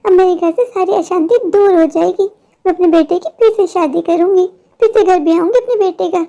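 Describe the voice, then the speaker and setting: A woman voicing a bitter, sharp-tongued older mother-in-law in a cartoon story, taunting her daughter-in-law. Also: extremely high pitch, a little fast, highs cut off. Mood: gloating.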